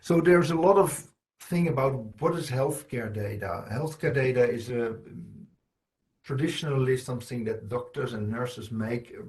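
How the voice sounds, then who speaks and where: A middle-aged man presents at a conference in earnest, explanatory English. He often breaks off and restarts his phrases as he works through each point. His voice sits at an ordinary male pitch. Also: a little slow, darkish tone. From Netherlands. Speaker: conference speaker.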